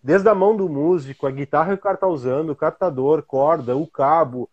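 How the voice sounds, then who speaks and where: A man's voice: on the high side, fairly quick, breathy edge, dry recording. A man from Brazil, chatting casually on a podcast in an emphatic, blunt, slangy way. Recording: dull mic with faint hiss.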